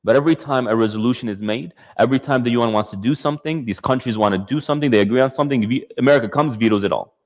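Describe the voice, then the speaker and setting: A man's voice: mid-range voice, racing, hardly any pauses. Passionate man lecturing in a reverberant hall. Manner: passionate, rhetorical questions. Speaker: speaker giving a talk. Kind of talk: lecture with audience Q&A.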